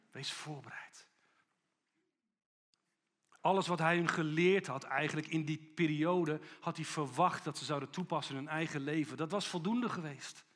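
Guy preaching a sermon, lively storyteller, voice sits kinda high. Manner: animated storytelling, acting out quotes.

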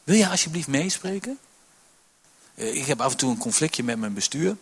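A man, a pastor preaching a sermon to his church, swinging between loud calls and quiet asides. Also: medium pitch, lively intonation, moderate pace, breathy edge. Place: church hall.

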